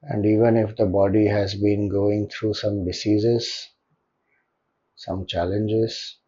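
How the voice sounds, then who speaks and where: A spiritual teacher with an Indian accent guides a meditation, his calm, gentle delivery broken by deliberate pauses. He has a husky, low-leaning voice, captured with lo-fi sound.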